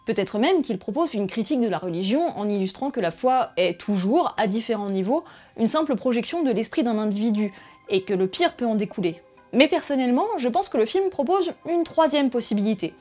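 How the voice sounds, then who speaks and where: A woman narrating a scripted film analysis essay in a measured, analytical way. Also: a little high, darkish tone.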